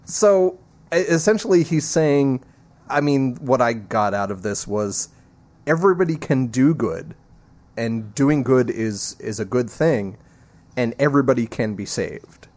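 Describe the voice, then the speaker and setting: A man co-hosting a casual podcast, talking in an animated way. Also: mid-range voice, unhurried. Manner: animated, reads quotes aloud with emphasis. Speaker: podcast co-host.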